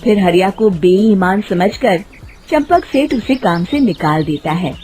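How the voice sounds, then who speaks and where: A woman's voice: medium pitch, animated, unhurried, mellow, soft background music. A woman narrating a scripted moral story for children.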